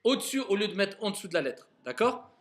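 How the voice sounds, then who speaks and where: A man teaching Arabic reading to a class, patiently repeating words slowly and clearly to correct his students. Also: high-pitched, big pitch swings, fairly bright tone. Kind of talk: classroom lesson.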